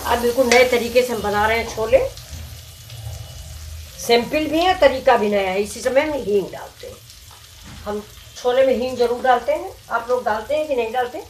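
A cooking channel host speaks on the high side at normal speed, pausing often as she chats with viewers and explains each step of her home demo. The tiled kitchen gives an echoey, noisy sound.

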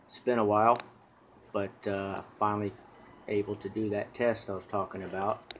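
Man, lowish voice, casual rambling talk, handheld camera, faint birds and outdoor hum behind. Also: little pitch movement, moderate pace, fairly bright tone. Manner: plain, rambling, with many fillers and restarts. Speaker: solar hobbyist vlogger. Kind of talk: casual off-the-cuff demo.

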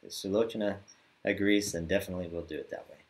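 A man teaching yoga mantra chanting over a video call, drawing out the chants slowly and talking more quickly between them. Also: low voice, steady tone. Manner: slow drawn-out chanting, quicker casual asides.

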